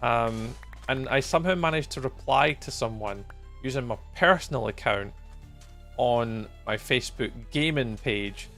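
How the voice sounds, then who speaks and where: With faint music underneath, a Scottish livestreamer in his forties chats easily with viewers during gameplay, rambling and good-humoured, often chuckling or saying um. His voice is medium-pitched and fairly bright, and he takes his time.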